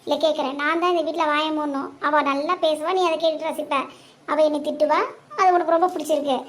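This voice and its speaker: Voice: steady tone, fast, fairly bright tone. A performer voicing a quarrelsome elderly mother in a cartoon, nagging and hurling insults at her son. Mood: scolding. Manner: shrill nagging scolding, insults. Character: quarrelsome elderly mother, sharp-tongued and scolding. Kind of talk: cartoon comedy voice acting.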